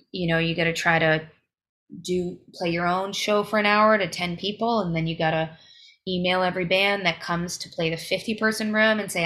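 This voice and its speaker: A woman singer appears as a podcast guest, her lowish, slightly bright voice coming in emphatic bursts. Her casual interview chat is full of fillers and restarts.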